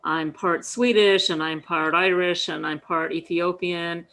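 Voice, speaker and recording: A woman's voice: on the low side, steady tone, a little slow, a bit bright. A woman in a group discussion, talking in a wry, questioning way.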